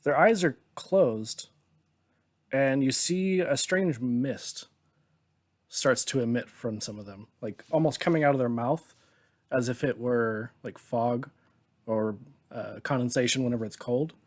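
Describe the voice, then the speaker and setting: Running a tabletop game, a male game master describes scenes in a relaxed manner, frequently chuckling, with a mid-range voice at a measured pace.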